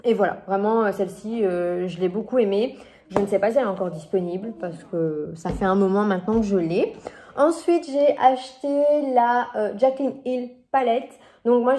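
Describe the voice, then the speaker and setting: A woman's voice: medium pitch, warm tone. Chatty, hesitant woman reviewing makeup. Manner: hesitant, many fillers and restarts. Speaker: beauty vlogger. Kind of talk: casual product review chat.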